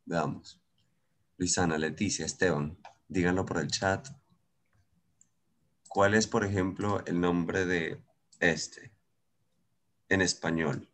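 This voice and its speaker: A man's voice: low voice, steady tone, slow pace, long pauses, fairly bright tone. A man with a Venezuelan accent teaching English in an online class, switching between Spanish and English, patient and encouraging.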